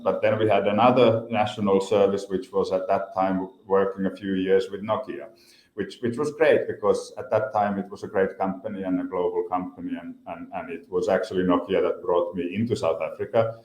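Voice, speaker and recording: A man's voice: sits low, mellow. A man in his fifties from Finland with a Finnish accent, answering interview questions hesitantly, with many repeated words and fillers. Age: 50s. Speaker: guest. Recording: echoey room.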